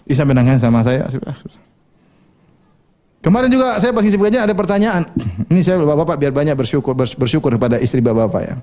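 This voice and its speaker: A man's voice: a little high, lively intonation, fast talker, warm tone. A male preacher giving a sermon, asking the audience questions, answering them himself, and quoting Arabic scripture with translations.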